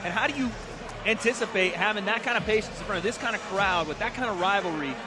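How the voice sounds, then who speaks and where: High-voiced male boxing analyst. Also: fast talker, noisy background. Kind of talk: conversational live fight analysis.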